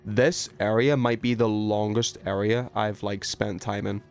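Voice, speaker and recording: With soft music in the background, a man live streams a video game, chatting casually and informally thinking through puzzles aloud. His voice is on the low side and darkish, level in tone, at a measured pace.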